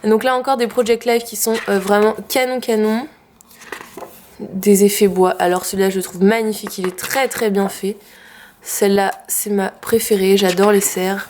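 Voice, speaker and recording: With a medium-pitched, darkish voice, fairly even intonation and a moderate pace, this French-accented woman chats casually through a haul of her craft buys, filling her speech with fillers. A little hiss or hum sits under the recording.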